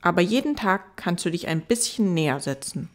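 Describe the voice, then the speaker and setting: A woman voicing a gentle, wise fox in an audiobook, earnest and patient as it explains. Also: fairly low pitch, expressive, normal speed, close to an everyday voice.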